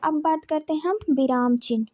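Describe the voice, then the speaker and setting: A woman's voice: high voice, moderate pace, highs cut off. A woman teaching a Hindi grammar lesson for exam prep, reading out lists of letters one by one and correcting herself as she goes. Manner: reads lists of letters item by item, self-correcting.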